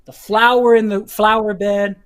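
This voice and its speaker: A man's voice: high-pitched, flat delivery, moderate pace, fairly bright tone, clean tone. Man, guest teacher, careful explanation, repeats himself, checks in with okay, coughing now and then. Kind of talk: explaining philosophy to hosts.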